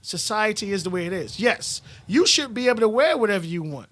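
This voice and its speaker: A man with a high-pitched, fairly quick voice hosts a live stream, reading out viewer comments. He talks bluntly and animatedly, swearing a lot.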